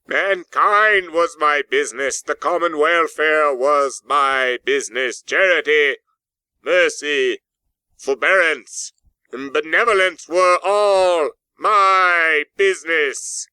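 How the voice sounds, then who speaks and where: Man playing an anguished, wailing ghost, raised pitch. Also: sharp tone, smooth, no echo, heavily acted, rough recording. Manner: wailing, declamatory, drawn-out words. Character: anguished male ghost of a dead businessman, remorseful, solemn. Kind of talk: dramatic audiobook character acting.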